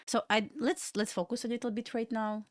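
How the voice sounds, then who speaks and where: Brisk and fairly high, with little pitch movement, this woman's voice comes through at studio quality with no echo. She's a young Belarusian with a Russian accent hosting a live trading stream from home in Florida. Her manner is chatty and rambling, fielding chat questions between market comments.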